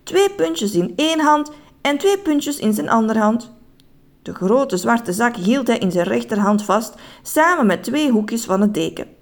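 Storyteller: woman, higher voice, lively and expressive read-aloud. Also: unhurried. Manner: expressive, animated telling. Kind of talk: children's story reading.

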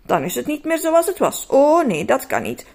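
A woman's voice: high-pitched, big pitch swings, normal speed, vocal fry, a little mellow, voice pushed up, exaggerated voice. A woman doing a fussy man, raised and agitated. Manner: scolding himself, agitated. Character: stern, fussy man who hates colour.

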